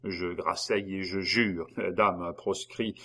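A man's voice: low-pitched, steady tone, slow, bright, forceful tone, exaggerated voice. A man reading an audiobook and voicing a cold, mocking husband who taunts his wife with false politeness. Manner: sneering, mock-polite, taunting.

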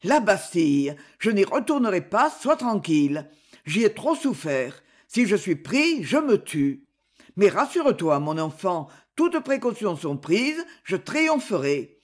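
A woman reading an audiobook, voicing a proud, ambitious aging duke speaking to his daughter in a grave, forceful tone. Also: mid-range voice, very animated, measured pace. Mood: resolute.

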